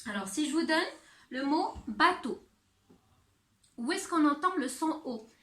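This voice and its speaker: A woman teacher giving a handwriting and sounds lesson to young children, speaking slowly and clearly. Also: high voice, lively intonation, a bit bright, reverberant. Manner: slow, clear teacher talk addressed to children. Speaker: primary school teacher.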